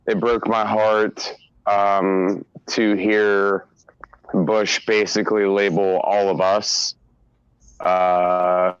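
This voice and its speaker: A man calling in to an online talk show, talking in a halting way with stammered restarts while his internet audio breaks up into robotic glitches. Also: lowish voice, little pitch movement, smooth, no echo. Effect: internet call audio breaking up into robotic glitches. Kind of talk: casual chat. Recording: lo-fi online call.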